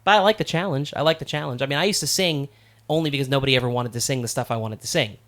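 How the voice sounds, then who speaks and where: A man talking as a guest musician in a casual studio chat, relaxed and rambling with plenty of fillers. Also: mid-range voice, rapid-fire.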